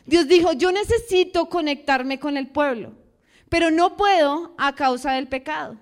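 A young woman preaching a lively sermon to a church congregation, firing questions at the people and acting out quoted voices. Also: high-pitched, normal speed. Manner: animated, asks the congregation questions and acts out quotes.

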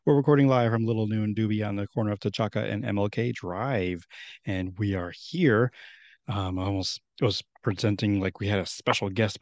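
A man's voice: medium pitch, vocal fry, a little mellow, no echo. A man in his thirties hosting a podcast in a rambling, friendly way, with many restarts. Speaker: podcast host. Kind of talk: casual podcast chat.

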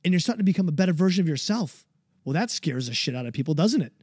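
A man's voice: on the high side, expressive, rapid-fire, a little mellow, slightly rough, no room sound, clean studio sound. A man hosting a podcast, delivering a fired-up, preachy motivational monologue and swearing freely. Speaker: podcast host.

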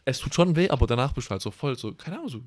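A young man talks in a loose, rambling way, full of slang and crude jokes. His voice sits at an everyday middle pitch. The recording is dry and close. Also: very animated, rapid-fire, no echo. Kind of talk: casual slangy chat.

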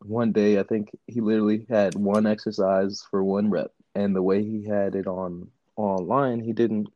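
A man's voice: on the low side, little pitch movement, normal speed, dry recording. A man with a Southern US accent chatting casually on a podcast as a coach, telling his story informally with plenty of "you know". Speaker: powerlifting coach and guest. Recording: dull, muffled lo-fi audio.

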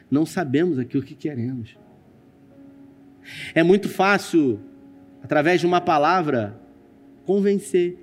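Brazilian pastor, man, slightly high and warm voice, dramatic sermon storyteller, faint music underneath. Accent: Brazilian Portuguese. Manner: dramatic storyteller, addresses congregation directly. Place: church stage with screen.

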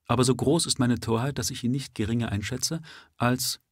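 A man's voice: mid-range voice, fairly even intonation, brisk, dry recording, clean studio sound, voice pushed up, lightly acted. A man reading a story aloud and voicing a cheeky, greedy servant who talks with mock humility. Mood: sly. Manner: cheeky, coaxing, mock-humble. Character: sly, greedy young male jailer's servant.

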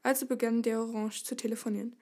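A woman narrating a storybook tale aloud. She reads in a lively way with a fairly high voice. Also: fast talker. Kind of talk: storybook reading.

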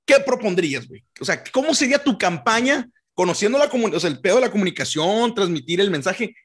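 A man with a northern Mexican accent and a noticeably high voice. He chats casually as a podcast host, in a slangy bro style full of buddy talk. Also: very animated, fast talker, fairly bright tone, husky. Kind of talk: casual chat.

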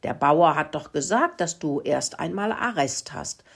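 A woman's voice: sits low, expressive, unhurried, gravelly, husky, exaggerated voice. A woman voicing a bossy little female mouse who lectures in a storybook reading. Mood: lecturing. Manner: lecturing, explaining.

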